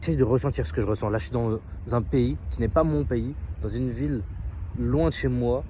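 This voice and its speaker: A man's voice: mid-range voice, brisk, mellow. A man from France with a French accent, telling a story in a casual vlog, chatty and full of filler hesitations, recorded outdoors in a city. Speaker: seduction coach vlogger. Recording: faint outdoor street noise.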